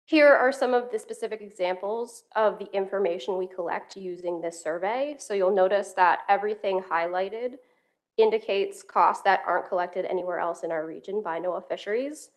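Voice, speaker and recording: A woman's voice: mid-range voice, normal speed. Woman economist giving a meeting presentation. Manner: steady, explanatory, occasional self-repeats. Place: council meeting room. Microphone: table microphone.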